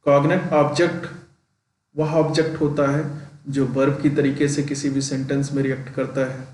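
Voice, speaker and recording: A male teacher giving an exam-prep classroom lesson, slowly repeating terms and checking that students follow. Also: mid-range voice, flat delivery, a little mellow, far from the mic. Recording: echoey room, voice off-mic.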